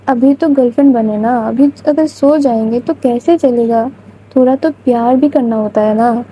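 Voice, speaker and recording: A woman's voice: fairly high pitch, warm tone, slight background noise, lightly acted, low-quality recording. A woman voicing a bubbly young woman in love who coaxes and pleads in a sing-song way. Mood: pleading.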